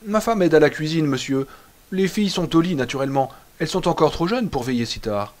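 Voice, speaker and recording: A man doing a courteous, eerily calm waiter. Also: a little high, fairly quick, lightly acted. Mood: politely eerie. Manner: formal, courteous, unruffled. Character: soft-spoken, eerily polite male hotel waiter.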